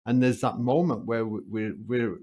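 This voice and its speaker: Male podcast host, mid-pitch, searching and halting as he asks questions. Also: dark tone. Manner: halting, repeats words while forming questions. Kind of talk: interview questions.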